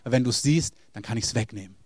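A man voicing Jesus as a calm, gentle male teacher, speaking softly and quietly. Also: mid-range voice, fast talker, breathy edge, dry recording, pitched below the performer's own voice, natural voice. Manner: soft, quiet, reassuring.

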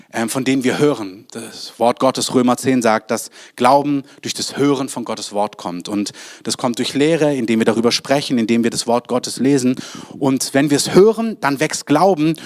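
A man preaching a sermon, speaking earnestly and directly to his listeners and building in fervor as he goes. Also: medium pitch. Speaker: pastor.

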